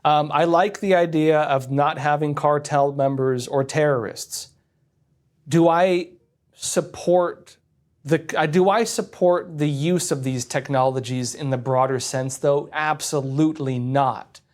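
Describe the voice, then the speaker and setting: A man's voice: on the high side, steady tone, a little slow. A man in his thirties hosting a livestream, giving candid, opinionated political commentary straight to his viewers. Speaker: livestream host. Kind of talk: casual political commentary to a live chat.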